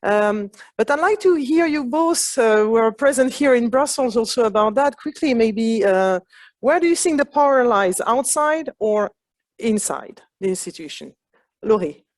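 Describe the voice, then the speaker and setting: A woman's voice: on the high side, animated, moderate pace, no echo. A woman moderating a panel discussion, hesitant as she rephrases and affirms what guests say.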